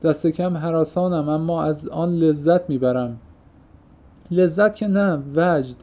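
A man's voice: fairly high pitch, mellow, close to an everyday voice. A man reading an audiobook, voicing an impassioned young man who pours out his heart in fervent, poetic outbursts. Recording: muffled lo-fi recording.

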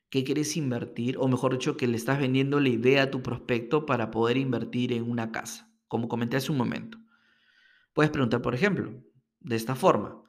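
A man's voice: a little high, gravelly. A man teaching sales technique in a solo podcast, talking emphatically and checking in with the listener often. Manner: animated, emphatic, checks in with frequent "ok?". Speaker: sales coach.

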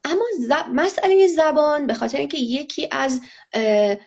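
Woman guest, gravelly kinda high voice, slow careful answers full of uhs, dull lo-fi sound. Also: lively intonation, a little mellow. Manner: measured, hesitant, many filler pauses. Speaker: interview guest. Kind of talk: analytical interview answers. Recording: lo-fi muffled audio.

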